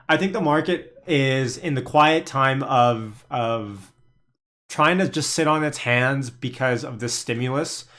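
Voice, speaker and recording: Reading his viewers' comments aloud with a laugh, a young Canadian day trader hosts a relaxed livestream about stocks. He's chatty, and his mid-range voice has a slightly bright tone.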